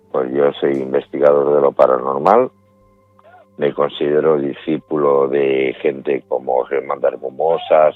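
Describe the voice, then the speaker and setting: A middle-aged man with a Spanish accent speaks in a low voice, laying out his ideas step by step and often restarting his phrases. He is heard through a dry, phone-like remote line with faint music underneath. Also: dry recording. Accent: Spanish from Spain. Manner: measured, explains step by step with restarts. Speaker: paranormal investigator guest. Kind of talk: interview answers, explanatory.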